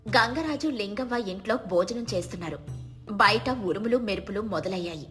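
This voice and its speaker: A woman giving calm, clear, scripted storybook narration for an animated moral tale. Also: medium pitch, normal speed, over music.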